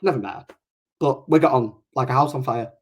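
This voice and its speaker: He's an online interview host from Hull, England, whose northern accent carries a chatty, meandering style full of self-interruptions. The casual conversation comes in a husky, medium-pitched voice with a brisk pace.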